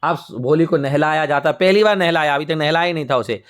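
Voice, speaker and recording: Lively teacher retelling a story. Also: male voice, fairly high pitch, fairly quick. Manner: lively, conversational, acts out characters. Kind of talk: storytelling lesson summary.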